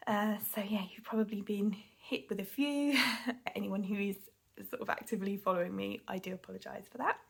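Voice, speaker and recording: A British woman vlogging about her budget in casual chat, hoarse from a cold, a bit out of breath, apologetic and often dropping to a whisper while counting. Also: mid-range voice, a little fast. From United Kingdom.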